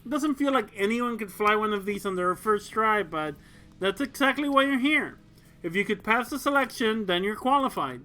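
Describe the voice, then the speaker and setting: A reader doing a brisk, confident lieutenant. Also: female voice, medium pitch, lively intonation, pushed and bright. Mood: reassuring. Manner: crisp, assured, reassuring command tone. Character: brisk confident young woman squadron lieutenant. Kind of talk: audiobook reading of a mecha story.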